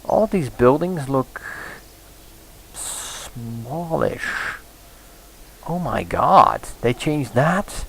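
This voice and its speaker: A man's voice: mid-range voice, very animated, drawn-out words, creaky, slightly rough, poor audio. A man casually commenting on a game he is playing, thinking aloud with frequent restarts and small laughs. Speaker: let's play host.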